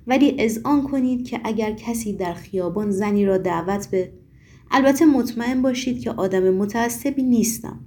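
A woman's voice: on the high side, a little mellow, a little hiss or hum, lightly acted. A woman voicing a troubled, unhappily married woman in an audiobook, speaking in a pleading, emotional way. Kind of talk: audiobook reading.

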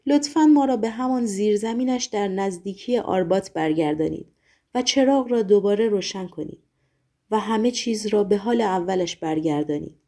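Devoted heroine pleading, earnest, mellow voice , woman reading it. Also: mid-range voice, natural voice.

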